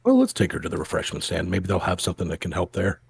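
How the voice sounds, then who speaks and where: Husky, low-voiced male player. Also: huge pitch swings, fast, darkish tone. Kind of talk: casual tabletop role-play.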